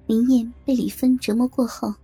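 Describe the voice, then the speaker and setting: A woman narrating an audio story in a steady reading voice. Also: a little high, normal speed, husky. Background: faint background music.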